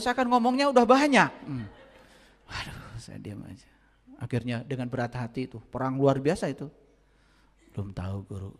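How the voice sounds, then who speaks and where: A male spiritual teacher giving a sermon, telling stories and moving from quiet asides to loud, emphatic points. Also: mid-range voice. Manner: storytelling, swings from quiet asides to emphatic raised lines. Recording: long reverb, speaker set back from the mic.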